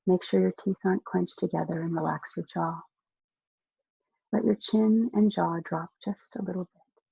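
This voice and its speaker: A hypnotist guiding a listener through slow, soothing relaxation, giving soft instructions with long pauses. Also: medium pitch, fairly even intonation, vocal fry, husky, no room sound, muffled recording. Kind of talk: guided relaxation hypnosis script.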